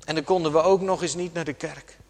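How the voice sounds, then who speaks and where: A man preaching a sermon slowly and dramatically, dropping suddenly to a hush at times. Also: a little high, fairly even intonation. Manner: slow, dramatic preaching with sudden soft drops. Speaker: pastor. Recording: long church reverb.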